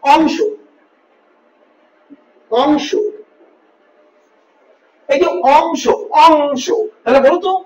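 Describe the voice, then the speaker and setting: A man teaching grammar in a classroom style, repeating sample words slowly and quizzing his listeners. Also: very high voice, recorded from a distance. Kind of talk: classroom-style lesson with board writing. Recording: echoey room miked from afar, faint hiss.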